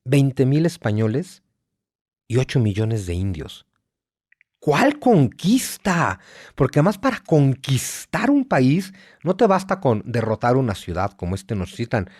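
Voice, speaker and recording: Very animated yet unhurried, a man in his forties with a Mexico City Spanish accent appears as a guest writer in a conversational interview. His medium-pitched voice has a darkish tone, and he lectures emphatically with lists and rhetorical questions, recorded in studio quality with no room sound.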